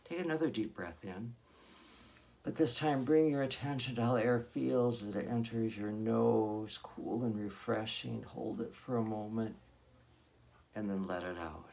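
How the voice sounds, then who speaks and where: A man with a fairly low, fry-tinged voice conducts a guided meditation as a hypnotherapist. He speaks softly and soothingly, with long gaps between his phrases.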